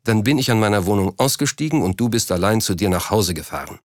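Casting: a panicky, indignant official with a low voice, dry close sound, read by the narrator. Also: male voice, animated, fast talker, dry recording, natural voice. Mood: urgent. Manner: anxious and indignant. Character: flustered, panicky government official caught in scandal.

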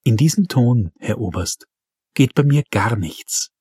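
A man's voice: mid-range voice, lively intonation, a little slow, warm tone, slightly rough, dry recording, studio quality. A man voicing a furious, defiant middle-aged mother in an audiobook reading.

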